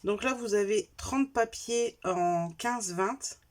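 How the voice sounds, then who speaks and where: A woman's voice: medium pitch, takes it slowly, a little mellow. A woman with a French accent, chatting casually as she shows her craft purchases one by one, correcting herself as she goes. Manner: chatty, self-correcting, lists items one by one. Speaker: craft vlogger showing purchases. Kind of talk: casual show-and-tell haul.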